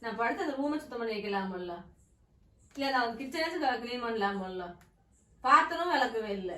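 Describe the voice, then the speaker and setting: A woman's voice: fairly high pitch, expressive, normal speed, sharp tone, distant mic. A middle-aged mother, crying as she pleads with her daughter at home to help with the housework. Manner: pleading, tearful complaining. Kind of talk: family prank video argument. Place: home, indoors. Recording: roomy, from off the mic.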